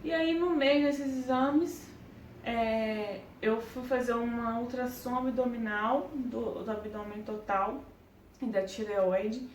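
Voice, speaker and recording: A woman's voice: fairly high pitch, steady tone, slow pace, roomy sound, distant mic, slight background noise. A young woman with a Brazilian Portuguese accent, telling a personal story to her vlog camera in an earnest way, in short broken phrases. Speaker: parenting vlogger.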